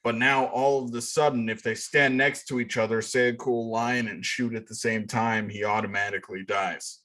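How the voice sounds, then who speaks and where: A man's voice: medium pitch, steady tone, moderate pace, bright, forceful tone. Sarcastic male podcast co-host. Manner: sarcastic, profane, mocking. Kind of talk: casual chat.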